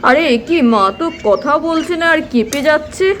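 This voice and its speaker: A woman's voice: sits high, expressive, normal speed, a little hiss or hum. A woman voicing a grumpy, skeptical father who scoffs and scolds in a doll cartoon. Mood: alarmed.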